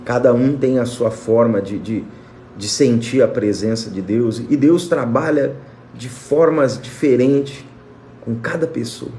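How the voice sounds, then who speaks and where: Fervent pastor in an echoey room. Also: male voice, medium pitch, unhurried, dark tone, a little hiss or hum. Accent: Brazilian Portuguese. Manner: fervent, repetitive blessing of viewers by name. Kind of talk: prayer and sermon on a livestream. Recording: echoey room with faint music.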